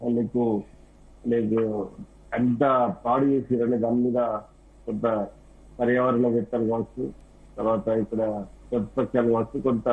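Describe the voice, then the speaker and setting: A man speaking as a political analyst in a live news debate, in halting, rambling speech full of fillers and restarts. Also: mid-range voice, slightly rough. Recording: tinny phone-line audio.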